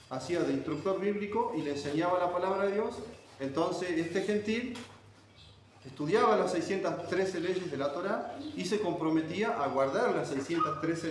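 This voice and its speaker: An Argentine man gives a sermon with a fairly high voice, teaching scripture line by line and pausing to check that his listeners follow. The room around him rings with heavy echo, and a faint hum of noise sits underneath. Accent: Argentine Spanish. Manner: explains verse by verse, checks in with "¿sí?". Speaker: preacher.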